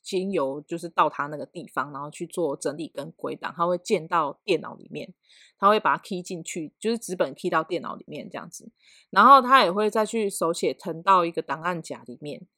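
A woman in her thirties with a Taiwanese Mandarin accent and a fairly low voice tells an office story in casual chat. She's animated, acting out scenes with sound effects and laughter, in a dry, studio-quality recording.

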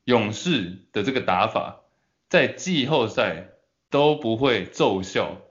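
A man with a Taiwanese Mandarin accent hosting casual sports banter in a teasing way, quick to laugh. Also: lowish voice, a bit bright, highs cut off. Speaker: host.

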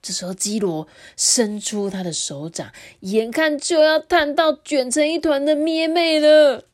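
A woman's voice: high-pitched, a little slow. A woman reading a picture book aloud to children, with friendly explaining asides. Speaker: storyteller.

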